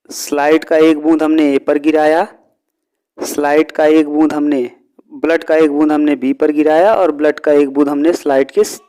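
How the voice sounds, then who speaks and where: A man's voice: fairly high pitch, a little mellow. A male teacher giving a step-by-step lesson, often asking a question and answering it himself. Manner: asks and answers his own questions.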